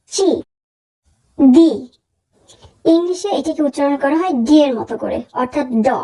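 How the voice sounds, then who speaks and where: A young woman teaching a language lesson, saying letters slowly and carefully for learners to repeat. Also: high voice, warm tone, poor audio. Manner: slow, careful pronunciation drills. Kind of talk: spoken alphabet lesson.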